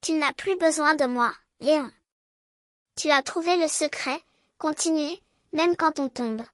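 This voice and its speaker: A soft, high and unhurried magical bicycle played by a woman from a children's storybook. It is tender and reassuring, encouraging a small child as if reading to a toddler, and sounds close and dry. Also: no room sound.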